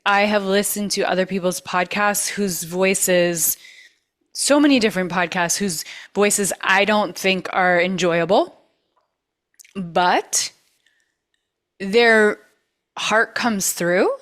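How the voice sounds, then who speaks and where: A vocally trained woman with a medium-pitched, fairly bright voice hosts a masterclass, speaking slowly and pausing often. Her coaching is casual and earnest, and she leans hard on repeated words.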